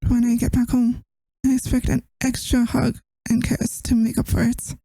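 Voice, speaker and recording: Woman acting as affectionate tired girlfriend, whispered role-play, very mellow, gently even intonation, tender, intimate, close-miked. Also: on the high side, normal speed, no room sound, rough recording. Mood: wistful. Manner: tender, intimate, soft-spoken. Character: tired, affectionate young girlfriend missing her partner.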